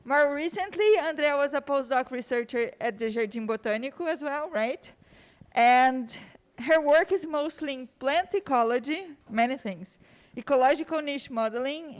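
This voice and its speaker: In a lecture room, a high-pitched woman hosting a course gives a casual spoken introduction for a guest speaker. She's warm and chatty, laughing between her remarks.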